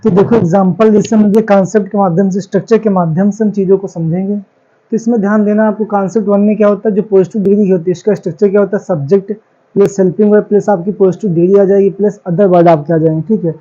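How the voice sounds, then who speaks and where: A man's voice: high voice, steady tone, fast, warm tone. A male teacher giving a classroom grammar lesson. He keeps asking questions and answering them himself, repeating the key words. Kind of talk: classroom lecture on English grammar. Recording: dull lo-fi classroom recording.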